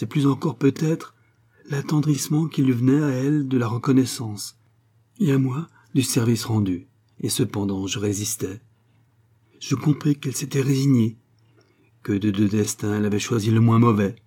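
A man reading a first-person literary short story aloud, in a measured, dramatic storytelling manner. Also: mid-range voice, warm tone, husky. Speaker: narrator.

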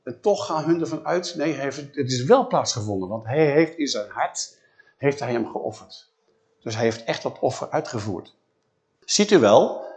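Male preacher, conversational sermon, vivid storyteller who acts out the characters. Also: mid-range voice. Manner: lively storytelling, acts out biblical dialogue in a casual voice.

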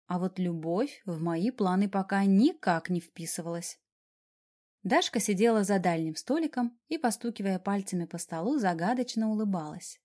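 Woman, first-person audiobook narration, wry and expressive, mellow dark tone, mid-pitched voice.

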